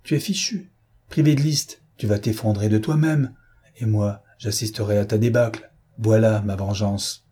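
A man's voice: fairly low pitch, steady tone, normal speed, warm tone, husky. A man voicing a cold, gloating official. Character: vindictive male senior official, cold.

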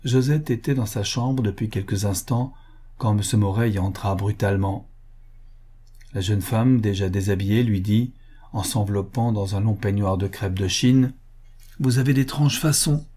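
A man narrating a novel as an audiobook in a measured, even reading. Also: lowish voice, husky.

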